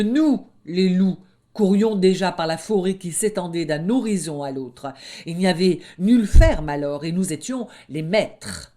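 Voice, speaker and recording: A woman's voice: medium pitch, mellow, pitched above the performer's own voice, natural voice. A woman voicing a boastful young male wolf who blusters and stammers when caught out, in a storybook reading.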